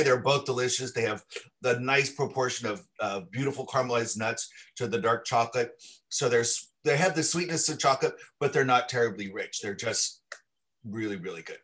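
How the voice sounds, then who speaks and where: A man's voice: mid-range voice, fairly bright tone. A man who makes chocolates describing his products in an eager, detailed, casual way on a livestream video call. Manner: enthusiastic, descriptive, with frequent restarts. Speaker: chocolatier, guest.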